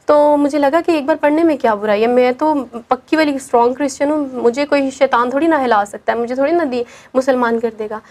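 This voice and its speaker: Young woman guest, bright high voice, earnest and emphatic storyteller. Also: few pauses. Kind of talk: personal conversion story.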